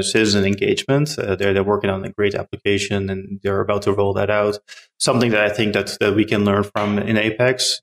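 A man's voice: on the low side, fairly bright tone. A middle-aged man from the Netherlands, a town council member answering interview questions earnestly with frequent fillers and restarts.

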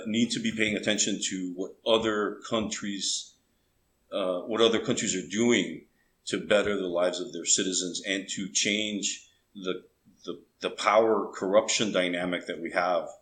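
A man with a fairly deep voice, raised on the border between Texas and Mexico, talks as a guest in a relaxed interview. He lays out his views earnestly and thinks aloud. The room around him is echoey, with a faint background hum. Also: moderate pace. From Texas–Mexico border region. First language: bilingual English and Spanish. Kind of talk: casual interview.

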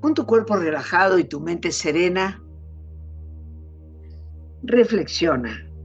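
A host speaking as a guide in slow, soothing relaxation narration, like a sleep story narrator, giving unhurried instructions. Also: medium pitch, expressive, highs cut off. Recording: music behind the voice. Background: music.

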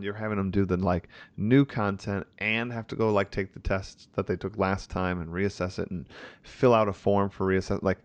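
A man's voice: fairly low pitch, no echo, muffled recording. A man hosting a conversation, responding with reflective, enthusiastic commentary and thinking aloud.

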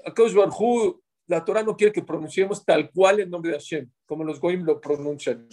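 A man leads a religious class in a notably high voice for a man. He explains each point patiently and keeps putting questions to his listeners before he answers them himself. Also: moderate pace, dark tone. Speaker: rabbi teaching a Torah class. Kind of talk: religious class talk to a small group.

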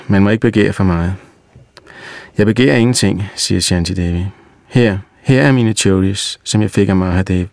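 A man reading a story aloud in calm, even audiobook narration. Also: sits low, gravelly, no room sound. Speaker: reader.

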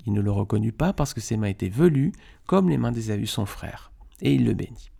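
A man reading a Bible chapter aloud in a steady, measured way. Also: lowish voice, creaky. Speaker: Bible reader.

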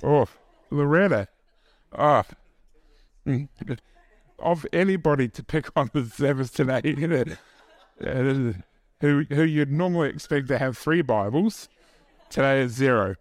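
A medium-pitched man with a New Zealand accent speaks a little slowly, leaving long pauses, with no echo on the recording. Preaching informally at church, he cracks jokes about himself and talks directly with the congregation.

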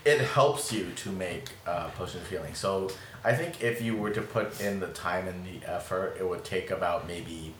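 A man's voice: sits low, normal speed. A man narrating as game master of a tabletop game, loose and rambling, often laughing. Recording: echoey room, faint noise.

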